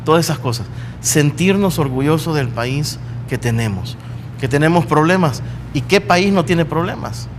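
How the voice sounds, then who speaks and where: A man's voice: on the high side, animated, normal speed, slight background noise. A Salvadoran man speaking as a university guest in a studio interview, passionate and emphatic, asking rhetorical questions. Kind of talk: earnest studio interview talk.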